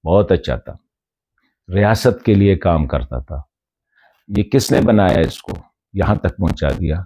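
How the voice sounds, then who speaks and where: Man from northwest pakistan, pointed rhetorical commentary, voice rises and falls a lot, mellow tone. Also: low voice, lively intonation. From Khyber Pakhtunkhwa, Pakistan. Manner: rhetorical, reproachful yet respectful, addresses a colleague by name. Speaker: journalist and commentator. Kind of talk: direct-address commentary video.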